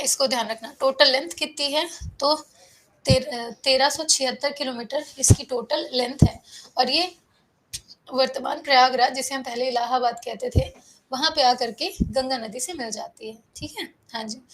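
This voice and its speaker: High-voiced teacher, unwell and tired. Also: female voice, a bit bright, a little hiss or hum, poor audio. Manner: explains step by step, asks and answers her own questions; often checks in with the class. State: feeling unwell, low on energy. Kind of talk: online geography class. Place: online live class. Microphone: close microphone.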